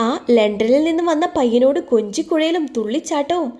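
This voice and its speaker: Lady putting on a sneering mother-in-law, bit high, soft mellow tone. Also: expressive, a little fast. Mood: scornful. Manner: sneering, scornful. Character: harsh scolding older mother-in-law.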